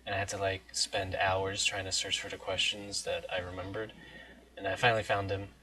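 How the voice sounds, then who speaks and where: A man's voice: low voice, level tone, fairly quick, pushed and bright, recorded from a distance, rough recording. A young adult American man from New Jersey chatting casually, rambling and interrupting himself, with some offhand swearing. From New Jersey, United States. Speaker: blogger recording an accent challenge.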